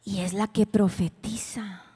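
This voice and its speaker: A woman pastor preaching a sermon to a women's retreat. She is emphatic and teasing, and swings suddenly from loud to hushed. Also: medium pitch, flat delivery, unhurried, a little hiss or hum. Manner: playful, teasing asides. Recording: long hall reverb.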